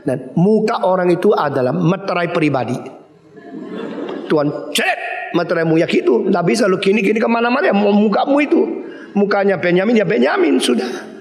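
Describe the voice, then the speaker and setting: An older man from Indonesia preaching a sermon as pastor, animated storytelling that acts out dialogue with sudden high bursts. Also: normal speed, reverberant.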